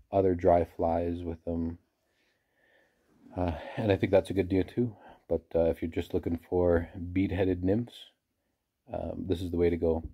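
A man's voice: deep voice, mellow. A man casually reviewing fly fishing hooks into his phone, hesitant and full of ums and uhs. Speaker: product reviewer. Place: mostly indoors, one clip outdoors by a river.

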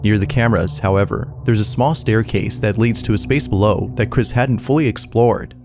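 A man with a lowish voice tells the story in a calm, measured, suspenseful tone. Faint music plays beneath his voice-over. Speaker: narrator. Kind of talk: scripted narration.

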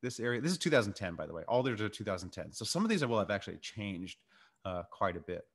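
A man's voice: fairly low pitch, very animated, fast talker, husky. A middle-aged man lecturing informally over slides, explaining things in a conversational way. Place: indoors in a warehouse.

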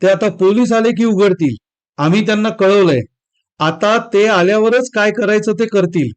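Give me a man playing a stern householder in a storybook reading. He speaks slowly, pressing each word, his voice sitting a little high. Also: lightly acted. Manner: slow, firm, stressing each word. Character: stern householder confronting a thief.

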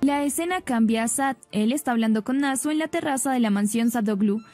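High-voiced woman recapping a soap. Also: a little fast, darkish tone. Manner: plain retelling, quoting each character without changing voice. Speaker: narrator recapping a soap opera. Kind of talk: storytelling recap narration. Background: faint background music.

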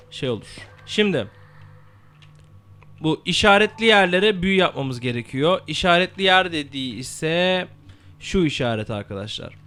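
A young man commentating a game he plays, swearing freely and shouting spell words into his mic. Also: fairly high pitch. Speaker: gameplay commentator. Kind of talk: let's play commentary.

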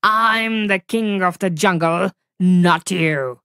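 A woman voicing a big, hungry, boastful male tiger in a storybook reading, gruff, slow and menacing. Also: lowish voice, a bit bright, dry recording, studio quality. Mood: indignant.

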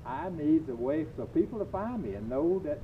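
A man's voice: big pitch swings, moderate pace. Older Cajun man on tinny outdoor audio. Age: older, 60s-70s. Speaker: coach presenting a home video. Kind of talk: folksy humorous demonstration to camera. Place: waterside backyard dock, outdoors. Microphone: camera a few metres away. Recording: tinny narrow-band outdoor audio, rumbling noise.

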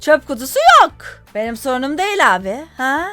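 A woman's voice: high-pitched, sing-song, brisk, a bit bright, no echo, soft background music. A woman gaming YouTuber giving casual, chatty let's-play commentary, teasing the game characters and complaining in mock exasperation.

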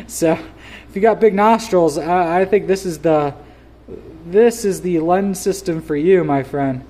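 Mellow-voiced man chatting through an unboxing. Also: mid-range voice. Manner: chatty and enthusiastic, with frequent fillers and laughs. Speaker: gear reviewer. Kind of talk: casual unboxing commentary.

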